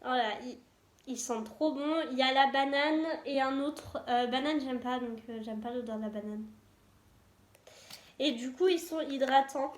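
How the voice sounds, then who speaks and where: A woman's voice: sits high, moderate pace. A young woman chatting casually and enthusiastically as a beauty vlogger, with many fillers. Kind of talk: casual chat. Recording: echoey room.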